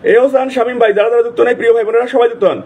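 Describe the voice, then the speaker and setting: A man hosting a live stream, repeatedly calling out viewers' names in rapid, repetitive bursts. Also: very high-pitched, fairly even intonation, a little mellow, slightly rough. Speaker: livestream host. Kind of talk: casual live-stream shout-outs.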